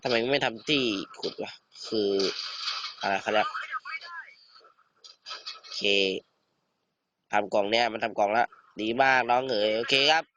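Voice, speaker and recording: A teenage man giving casual, excitable commentary over a survival game, swearing and bantering with a friend. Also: lowish voice, measured pace, pauses often, highs cut off, background noise. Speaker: gamer.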